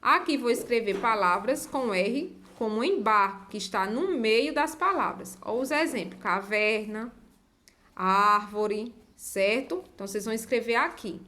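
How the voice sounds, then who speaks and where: A woman teacher talks young pupils through a workbook page with a patient, repetitive delivery. She stretches out key words slowly so the children can hear each sound. Her voice sits a little higher than most. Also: lively intonation, fairly bright tone. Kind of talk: explaining a textbook exercise to children.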